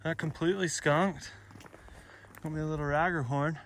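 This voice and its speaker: A young man vlogs casually while shed hunting in open scrubland, holding his phone camera close and rambling with plenty of fillers. His voice is on the high side and fairly bright, with fairly even intonation at a normal speed. There's a little hiss or hum.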